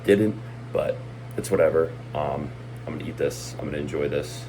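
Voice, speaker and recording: A man's voice: a bass voice, normal speed, noisy background. A young man in college talking casually to the camera as a fitness vlogger, laid-back and rambling with lots of ums and likes. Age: young adult. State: slightly out of breath on a treadmill. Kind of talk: casual vlog chat.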